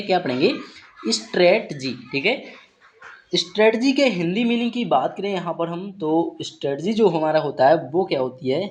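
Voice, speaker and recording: A woman teaching an English vocabulary lesson, spelling words out letter by letter and checking in with a repeated "okay" after each point. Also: sits low.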